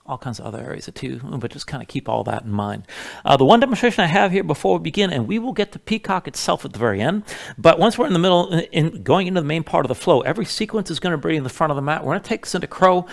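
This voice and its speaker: A man's voice: on the high side, sing-song, quick pace, creaky. A man instructing a yoga class, giving step-by-step cues in a casual, informal way.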